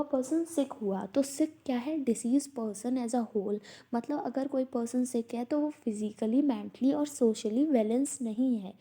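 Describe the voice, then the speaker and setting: A woman teaching a study lesson, asking herself questions and answering them, reading quoted passages out slowly. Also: high-pitched, mellow. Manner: slow, repetitive, asks herself questions. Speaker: teacher explaining homeopathy texts. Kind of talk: study lecture mixing Hindi and English.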